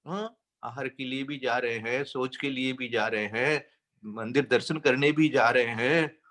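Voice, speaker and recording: Slow-speaking man teaching scripture. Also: fairly high pitch, fairly bright tone. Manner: slow, explanatory, chants verses, rhetorical questions. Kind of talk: sermon on scripture.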